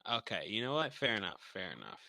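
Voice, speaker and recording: A man's voice: lowish voice, sing-song, quick pace, vocal fry, pushed and bright, no echo. A man co-hosting a podcast in casual chat over an online voice call, with a dry sense of humor and plenty of swearing. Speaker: podcast co-host.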